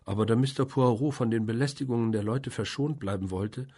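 A man's voice: medium pitch, brisk, mellow, husky, pitched above the performer's own voice. A man reading an audiobook and voicing a nervous, earnest young woman who pleads for help, in a raised voice. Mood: pleading.

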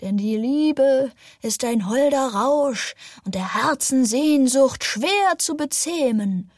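Lady doing a giddy over-the-top guy, all grand declaiming, a bit higher. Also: animated, slow pace, no room sound, studio quality, exaggerated voice. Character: flamboyant, giddy, theatrical man.

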